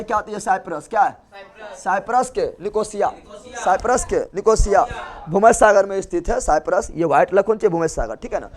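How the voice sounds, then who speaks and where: High-voiced man drilling answers as a teacher. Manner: asks and repeats answers in chants. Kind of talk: call-and-response revision lesson.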